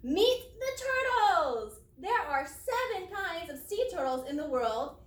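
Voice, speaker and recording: Her voice extremely high and very animated, a female teacher reads to children and deliberately explains every step as she goes, in a think-aloud lesson. She sits far from the mic in a roomy, echoing space.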